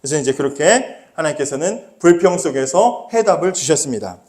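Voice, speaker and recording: A male pastor preaching a sermon, telling the story in an animated way with chuckles and questions to the congregation. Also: fairly high pitch, fairly quick.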